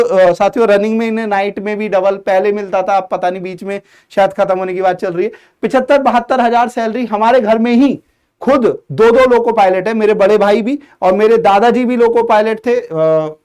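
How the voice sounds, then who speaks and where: A man's voice: high voice, darkish tone, clean tone. A man giving an informal exam-prep lesson as a coaching teacher, speaking straight to his students with frequent fillers and restarts. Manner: addresses students as "saathiyon", talks fast with restarts and fillers.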